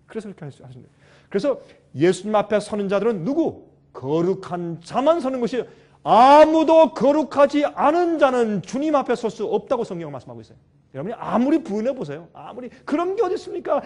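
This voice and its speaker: A man preaching a sermon with emphasis, swinging between loud calls and quiet asides and putting questions to his listeners. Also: high voice.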